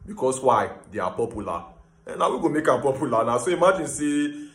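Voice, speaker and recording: A Nigerian man hosts a casual explainer monologue in a Nigerian accent, mixing Pidgin and English with emphatic, animated energy. His mid-range voice runs a little fast and sounds reverberant.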